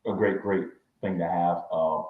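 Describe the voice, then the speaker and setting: A man's voice: sits low, steady tone, unhurried. A man co-hosting a casual review podcast, rambling with many fillers and restarts, his voice echoing off the room through a backup mic. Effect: echoey room sound from a backup mic. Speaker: podcast co-host reviewing a series. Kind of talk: casual chat. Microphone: backup mic after his main mic failed. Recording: echoey, dull lo-fi backup mic.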